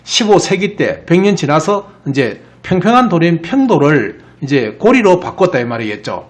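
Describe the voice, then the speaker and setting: Male lecturer, Gyeongsang accent, fairly high voice with swooping intonation, keeps asking "right?". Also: sing-song, moderate pace. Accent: Gyeongsang Korean. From Gyeongsang region of Korea. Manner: explains with frequent rhetorical questions. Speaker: etymology lecturer. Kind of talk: lecture over slides.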